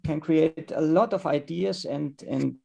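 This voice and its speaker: A man with a German accent giving a conference presentation in English, halting and searching for words as he goes. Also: fairly high pitch, creaky, warm tone, breathy edge, lo-fi sound. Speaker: conference speaker.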